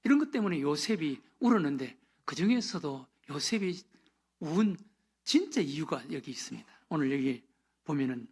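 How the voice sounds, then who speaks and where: A pastor preaching a sermon, swinging from loud emphasis down to hushed whispers and dropping short affirmations between phrases. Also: medium pitch, sing-song, normal speed, slightly rough.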